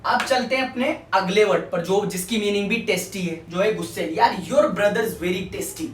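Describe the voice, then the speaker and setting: A woman's voice: mid-range voice, normal speed, slight background noise. A woman teaching English vocabulary in a language lesson, patiently repeating words and checking that the listener follows. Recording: echoey room, voice from a distance.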